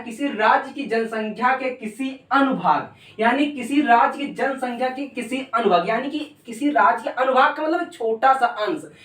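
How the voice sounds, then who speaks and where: A man's voice: extremely high pitch, a bit bright. Young male tutor, casual and chatty, recorded from a distance in a roomy space. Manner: casual, chatty, keeps asking "ठीक है", jokey examples. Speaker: teacher. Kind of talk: explaining a civics lesson. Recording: echoey room, voice from a distance.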